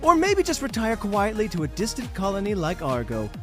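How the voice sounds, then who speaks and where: This high-pitched male voice swoops wildly in pitch as he plays a slick, cynical game show host in an audio drama, mocking and condescending. Soft music plays behind his drawn-out, theatrical, bombastic TV presenting.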